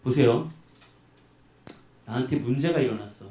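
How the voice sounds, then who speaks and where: A man preaching a sermon as pastor, in a lively, chatty way that acts out little scenes. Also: mid-range voice, moderate pace. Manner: animated, colloquial preaching with acted-out voices. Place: church hall. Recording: echoey hall, mic from far off.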